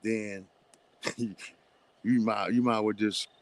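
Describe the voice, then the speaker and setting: A man talking as a guest in a casual conversation, animated and full of filler phrases, stumbling and stuttering at times. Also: lowish voice, slow pace, no room sound.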